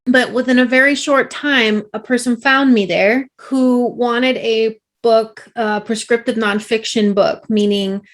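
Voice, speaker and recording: A woman's voice: fairly high pitch, fairly even intonation, unhurried, few pauses. A woman author speaking as an interview guest, open and emotional, laughing often as she talks. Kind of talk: interview conversation.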